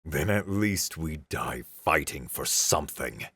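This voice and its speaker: A man doing a grim, low-voiced human commander. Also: lively intonation, slow, a bit bright, breathy edge, no echo, full character voice.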